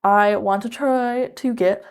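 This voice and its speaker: A woman's voice: mid-range voice, fairly even intonation, slow pace, clear, resonant tone. A woman in her twenties chatting casually to her viewers as a book vlogger, in a loose conversational manner with frequent asides. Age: 20s. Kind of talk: casual chat to camera.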